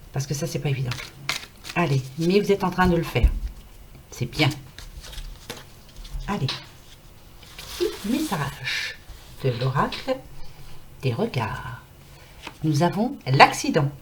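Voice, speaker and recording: A French woman giving a casual card reading, chatty and reassuring, with a scratchy throat and a fading voice. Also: fairly low pitch. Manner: chatty, reassuring, many fillers. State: scratchy throat, losing her voice. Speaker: card reader. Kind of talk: casual tarot reading to camera.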